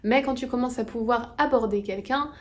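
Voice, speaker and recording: A woman's voice: on the high side, normal speed. A woman from France chatting casually in a vlog, rambling along and correcting herself as she goes. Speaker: vlogger.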